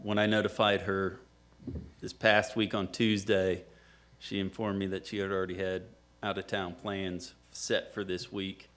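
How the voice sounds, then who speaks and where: A man's voice: low voice, fairly bright tone. A man giving a factual staff report at a meeting. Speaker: city staff member.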